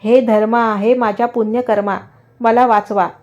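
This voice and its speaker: A woman's voice: fairly high pitch, flat delivery, moderate pace, a little mellow, dull audio, natural voice. A woman voicing the frightened, wailing soul of a dead man who cries out and pleads for rescue, in a storybook narration. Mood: pleading. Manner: pleading, crying out.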